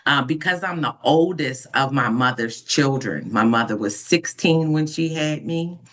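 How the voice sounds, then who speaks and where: A woman in her fifties from Baltimore, an ordained minister, telling her life story in an interview in an earnest, unhurried way with frequent pauses and soft fillers. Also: low voice, expressive. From Baltimore, United States. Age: 50s. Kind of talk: reflective personal storytelling in an interview.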